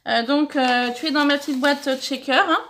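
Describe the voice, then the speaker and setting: A middle-aged woman from France hosting a scrapbooking channel, chatting warmly as she opens fan mail, thanking senders and sometimes stumbling over her words. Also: sits high, steady tone, moderate pace, slight background noise. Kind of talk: casual mail-opening vlog.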